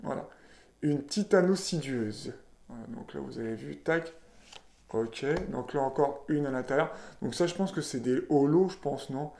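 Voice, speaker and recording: In an echoey, spacious room, this man narrates his trading card pack openings in a relaxed unboxing style, calling out card names with lots of "voilà" and "ok." His voice is medium in pitch, moderately paced, creaky and darkish.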